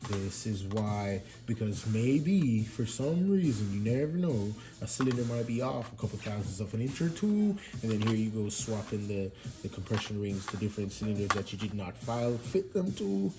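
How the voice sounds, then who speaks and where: A man with a Jamaican accent giving a casual hands-on workshop tutorial, relaxed and chatty with plenty of fillers and restarts. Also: lowish voice, normal speed, few pauses, noisy background. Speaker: mechanic demonstrating engine assembly. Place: home garage workshop.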